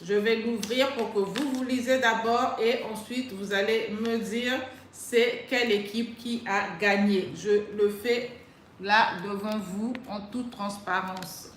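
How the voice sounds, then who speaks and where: Speaking in a mid-range voice, this woman runs a live-stream prize draw by herself indoors, addressing viewers directly in a chatty way and going over the same points repeatedly. A mild cold leaves her slightly stuffed up, prompting throat-clearing. There's room echo and a faint hiss or hum.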